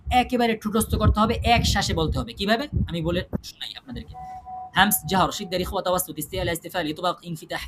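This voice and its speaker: High-voiced man drilling tajweed terms. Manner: repetitive drilling, rhetorical questions to students. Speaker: tajweed teacher. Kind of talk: online class lecture. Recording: noisy online class audio.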